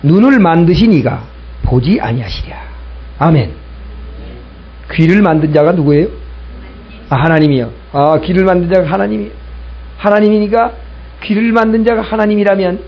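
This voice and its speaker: A man's voice: high voice, slightly rough, muffled recording. A male pastor preaching a sermon, telling a story and acting out both sides of an argument, repeating key lines for emphasis.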